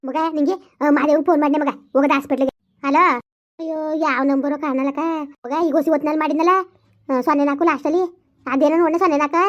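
A woman's voice: high-pitched, natural voice. Woman voicing a wailing old village grandmother. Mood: worried. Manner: lamenting, wailing to God and a neighbour. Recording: dull lo-fi recording.

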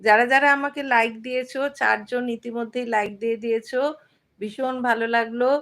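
A middle-aged woman from West Bengal hosting a casual live stream. She chats with viewers, uses many fillers and pauses often to read out their comments. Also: on the high side, fairly even intonation, fairly bright tone.

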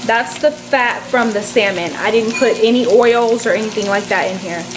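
Young woman filming herself cooking, kinda high voice, chatty, lots of pan sizzle behind. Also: normal speed, noisy background. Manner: chatty, explaining step by step. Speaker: vlogger. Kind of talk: casual cooking vlog. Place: home kitchen, indoors. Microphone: handheld camera close up.

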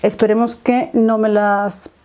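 Girl chatting thru her makeup, soft warm voice, easygoing. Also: medium pitch, flat delivery, unhurried. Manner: chatty, explains each step to viewers. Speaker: beauty vlogger. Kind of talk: makeup tutorial chat.

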